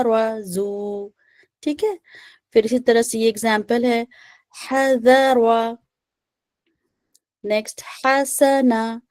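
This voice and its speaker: Patient woman teaching online, dark dry voice. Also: a little high, no echo. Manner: patient, repeats "theek hai" often, drills sounds slowly. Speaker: Quran recitation teacher. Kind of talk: online tajweed class. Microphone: video call.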